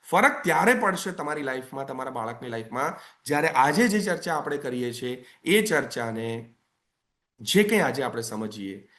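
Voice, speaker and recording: A man's voice: medium pitch, big pitch swings, normal speed, fairly bright tone. A man giving a parenting webinar talk, conversational and coaxing, repeating phrases for emphasis. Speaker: parenting coach.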